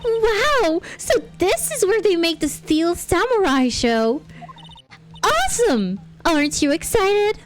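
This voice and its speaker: A woman voicing an excitable, cheerful teenage girl sidekick who squeals with enthusiasm. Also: extremely high pitch, slow, soft background music, voice pushed up, full character voice. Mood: excited.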